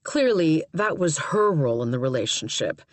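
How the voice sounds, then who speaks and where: A woman narrating an audiobook in a measured, even storytelling manner. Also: low voice, dry recording. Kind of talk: scripted narration.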